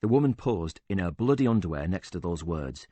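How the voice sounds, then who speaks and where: A man voicing a bitter, quick-tempered older widower who talks with indignant sarcasm and swears freely. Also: sits low, big pitch swings, dark tone, dry recording.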